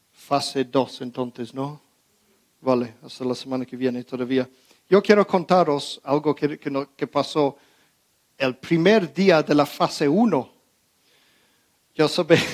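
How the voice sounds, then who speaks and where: A man's voice: a little high, darkish tone. A man casually telling a funny anecdote to his audience, stumbling over his words, restarting often and laughing as he goes. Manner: many fillers and repeated words. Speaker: storyteller talking to his audience.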